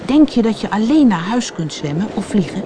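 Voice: mid-range voice, sing-song, brisk, dark tone, slight background noise, pitched above the performer's own voice, lightly acted. A storyteller from the Netherlands voicing a brave, cheeky boy who never grows up in a storybook reading. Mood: gentle. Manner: bold, commanding.

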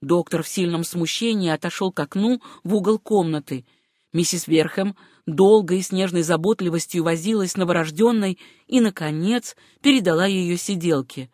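Measured audiobook narrator, dry sound. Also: mid-range voice, a little mellow, no echo. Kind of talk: scripted narration of a novel.

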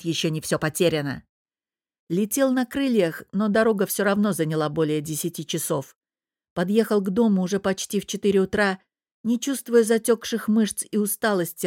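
A woman narrating an audiobook in first person, in a steady, even reading manner. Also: mid-range voice, no room sound, studio quality.

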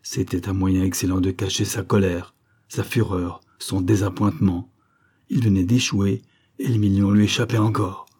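A man reading a novel aloud in measured scripted narration. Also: deep voice, fairly even intonation, darkish tone, husky. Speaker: audiobook narrator.

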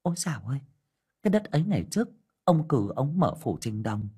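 A chatty, superstitious village gossip, voiced by a woman, waving off doubters in a dark, husky voice. She talks low with lively swings of pitch, like a neighbor in an audiobook tale. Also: fairly quick, exaggerated voice. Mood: knowing gossip.

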